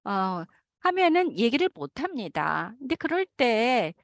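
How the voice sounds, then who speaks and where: A woman interprets a lecture live, her fairly high voice rising and falling with lively swings. She keeps going through frequent hesitant fillers while she finds her words. The recording is dry and close, with no room sound. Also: a little slow, dry recording.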